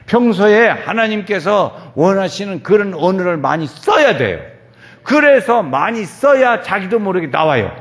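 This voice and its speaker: An older male pastor delivers a sermon in a church sanctuary, his voice swooping widely as he acts out quoted exchanges. He sounds weary and foggy-headed, and the somewhat high voice rings with a long hall reverb. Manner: animated preaching, acts out quoted dialogue.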